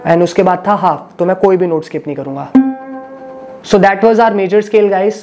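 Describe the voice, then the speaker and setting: A man's voice: high-pitched, warm tone. A man teaching a guitar lesson, patiently explaining and repeating each step, mixing Hindi with English phrases.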